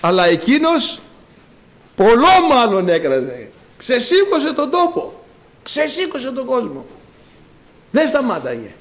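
A middle-aged man preaching a sermon, acting out quoted voices and swinging from loud to hushed. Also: very high voice, huge pitch swings, long pauses.

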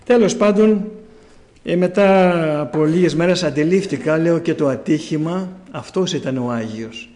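A man's voice: on the high side, darkish tone. A man speaks to a congregation in a slightly raised register, recounting his own conversion. He tells it as a story and acts out what he once said to himself. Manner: storytelling, acting out his own past words. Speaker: church testimony speaker. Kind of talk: personal testimony sermon.

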